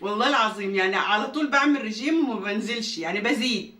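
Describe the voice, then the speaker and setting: Chatty high-voiced Egyptian woman, fast talker. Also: expressive, pushed and bright. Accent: Egyptian Arabic. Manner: chatty, talks straight to her viewers. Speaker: cooking vlogger. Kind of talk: casual chat to viewers. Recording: roomy, distant from the mic, faint background noise.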